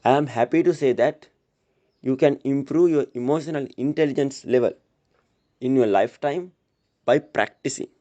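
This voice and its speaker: A man giving a prepared motivational speech at a school assembly, speaking earnestly and deliberately, straight to his listeners. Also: medium pitch, dark tone, muffled recording.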